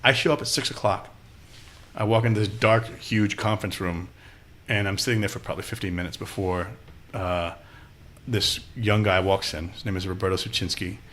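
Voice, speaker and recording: His voice sits fairly low and moves a little fast as this Austin, Texas podcast guest spins stories in a casual interview. Animated throughout, he acts out the people he quotes.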